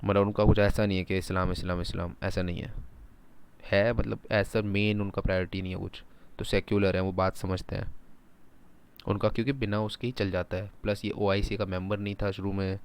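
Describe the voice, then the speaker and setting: A man giving a casual, animated lecture, mixing Hindi and English, asking his students rhetorical questions. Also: fairly low pitch, fairly quick, clear, resonant tone. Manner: animated, talks in first person as a country, rhetorical questions. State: sore throat. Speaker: teacher.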